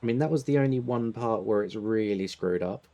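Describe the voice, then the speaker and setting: A British man chatting casually while playing a driving game, laid-back, laughing often and clearing his throat. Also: lowish voice, a little fast, warm tone. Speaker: gaming channel host. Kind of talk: casual gameplay chat.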